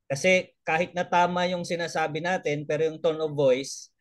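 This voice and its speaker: A man's voice: a little high, steady tone, normal speed, dry recording. A man, sharing a report in a casual video-call talk, mixing in English, chuckling and restarting his phrases. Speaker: elder trainee sharing a report.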